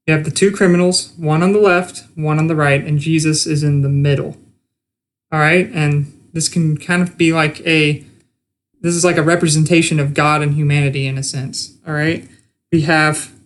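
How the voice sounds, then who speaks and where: A young man giving an informal Bible teaching, earnest and conversational, with frequent restarts. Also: a little high. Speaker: preacher.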